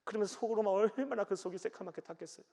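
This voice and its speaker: A man's voice: sits high, racing, mellow. A man preaching in a church sanctuary, his slightly raised voice carrying a long hall reverb. He preaches with emphasis, acts out the voices of people in the story, and keeps asking the congregation questions. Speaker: pastor. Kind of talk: sermon.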